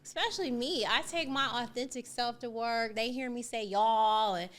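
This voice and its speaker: A woman hosting a casual talk show, telling stories in an animated, emphatic way. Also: fairly high pitch, fairly quick. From not from the West Coast. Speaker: podcast host. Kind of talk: casual chat.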